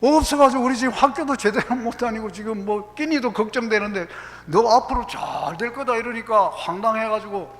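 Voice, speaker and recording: A man's voice: sits high, fairly quick, few pauses, a bit bright. A middle-aged man with a Gyeongsang accent preaching a sermon as pastor, telling folksy stories and slipping into quoted voices and dialect. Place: church sanctuary. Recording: long hall reverb, faint hum.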